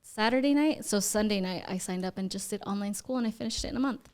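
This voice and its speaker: A woman's voice: mid-range voice, fast, darkish tone. A young woman from Ecuador, raised in the US, a podcast guest giving short, shy answers with giggles in a studio chat. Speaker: guest, new real estate agent. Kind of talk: casual interview chat.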